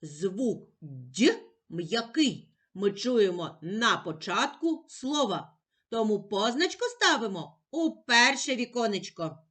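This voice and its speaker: A woman teacher with a Ukrainian accent, leading a slow, clearly spoken reading lesson for young children, patiently asking and answering her own questions and stretching out the sounds. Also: fairly high pitch, sing-song, fairly bright tone.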